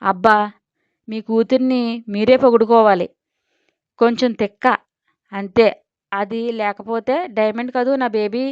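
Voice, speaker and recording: A man's voice: very high voice, fairly even intonation, unhurried, long pauses, clean tone, dry recording. A woman voicing a vain, blustering middle-aged rich father who grumbles and scolds, in a Telugu audio story. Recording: dull lo-fi audio.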